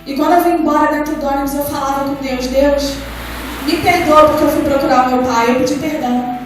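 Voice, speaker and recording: Over music, a young Brazilian woman with a Brazilian accent delivers an impassioned testimony sermon in a church hall, quoting her prayers as she tells her story. Her high voice is fairly even in intonation and a little fast, and it is captured from a distance in a very echoey space.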